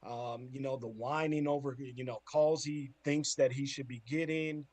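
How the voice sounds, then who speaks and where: A man's voice: medium pitch, steady tone, moderate pace, darkish tone, dry recording. A man guesting on a sports podcast, chatting casually and giving earnest advice, often repeating his words as he rambles.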